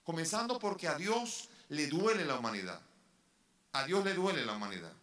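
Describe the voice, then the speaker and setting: Man preaching in a church, kinda high voice, lots of echo, asks big questions. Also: big pitch swings, normal speed, bright, forceful tone. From Dominican Republic. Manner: earnest preaching with rhetorical questions and rising emphasis. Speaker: bishop giving a retreat talk. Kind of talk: sermon. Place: parish church. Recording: echoey church hall.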